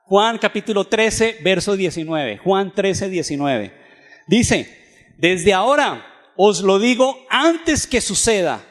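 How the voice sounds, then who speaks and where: A man giving a Bible teaching lecture, reading scripture aloud and asking his audience frequent questions. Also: sits high. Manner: reads scripture aloud, slowing on verses. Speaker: theology seminar lecturer. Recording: long hall reverb.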